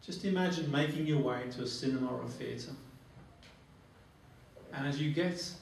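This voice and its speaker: A man's voice: mid-range voice, normal speed, gravelly, darkish tone. A man leading a training demonstration in guided relaxation, instructive and repeating his phrases. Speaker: phobia therapy trainer. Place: echoey training room with a group. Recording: very echoey, distant mic, faint noise.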